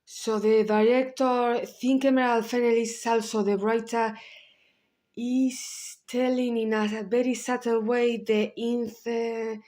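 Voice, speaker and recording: A woman's voice: fairly high pitch, level tone, takes it slowly, dark tone. A woman in her thirties with a Spanish accent, giving a candid film analysis with blunt asides. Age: 30s. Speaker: video essayist.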